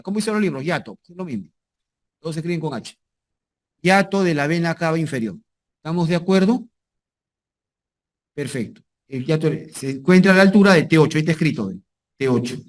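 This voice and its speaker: A male anatomy lecturer talks his class through slides in a slightly raised register. He repeats each key term and keeps asking whether his students follow. Now and then he throws in a jokey aside. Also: fairly high pitch.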